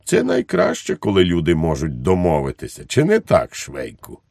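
A man voicing a smooth, genial police commissioner in an audiobook, affable and sly. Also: low voice, wildly swooping pitch, normal speed, darkish tone, dry recording, studio quality, heavily acted. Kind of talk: audiobook character voice.

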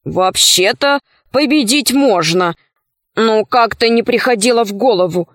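A woman's voice: a little high, measured pace, no room sound, studio quality, lightly acted. A woman voicing a big, good-natured male dragon who sounds sheepish in a storybook reading.

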